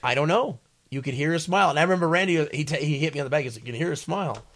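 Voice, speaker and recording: A man's voice: on the high side, rapid-fire, fairly bright tone. A man who once worked in radio, chatting casually in a rambling, self-interrupting way. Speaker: former radio DJ. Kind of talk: casual chat.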